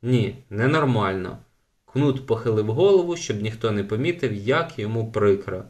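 A man reading a children's audiobook aloud in scripted storybook narration, evenly and lightly expressive. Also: fairly low pitch, fairly quick.

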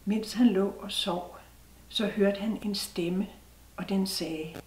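Hushing woman storyteller, distant and echoey. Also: mid-range voice, fairly even intonation, slight background noise. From Denmark. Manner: drops into hushed whispers at tense moments. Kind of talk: oral folktale telling. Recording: roomy sound from a distant mic.

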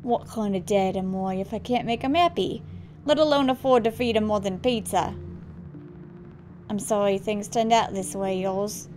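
A woman's voice: medium pitch, moderate pace, a little mellow, slight background noise, natural voice. A woman voicing a worn-out, broke middle-aged father with an attempted Australian accent, apologetic and putting on forced cheer. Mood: weary.

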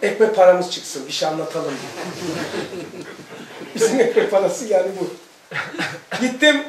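A middle-aged man, a religious teacher, giving a sermon and telling stories that he acts out in dialogue. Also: high-pitched. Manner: animated storytelling, acts out dialogue. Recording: echoey room, voice from far off.

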